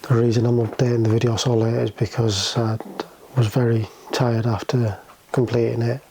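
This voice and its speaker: Low-key British man, flat and mellow. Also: normal speed, slight background noise. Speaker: vlogger. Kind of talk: casual vlog talk to camera.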